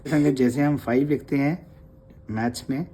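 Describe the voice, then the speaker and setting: A man teaching a class on the letters of the script, calm and patient. He says each sound over and over so learners can copy it, and drops English words into his explanations. His voice is mellow and sits at an everyday pitch. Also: moderate pace, breathy edge. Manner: opens with soft, low devotional recitation. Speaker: Gurmukhi teacher. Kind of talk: online class lesson.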